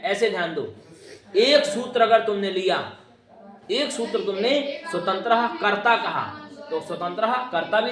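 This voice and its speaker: High-voiced male Sanskrit teacher, echoey classroom. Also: fairly bright tone. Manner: drills students with call-and-response questions; chanting grammar rules slowly.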